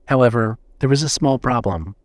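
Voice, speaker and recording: A man narrating a horror story in a steady, suspenseful reading style. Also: mid-range voice, normal speed, no echo, clean studio sound.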